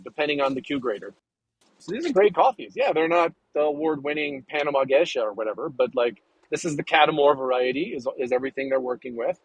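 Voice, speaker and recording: A man talking as a podcast guest, chatty and enthusiastic, rambling with quick restarts. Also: mid-range voice, breathy edge, dry recording, poor audio. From United States. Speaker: coffee importer and roaster guest. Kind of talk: casual podcast interview.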